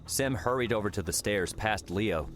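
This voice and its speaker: A man with a low-pitched voice narrates a scripted, dramatic audiobook story, with faint noise in the background. He sounds animated and a bit bright, reading at a moderate pace.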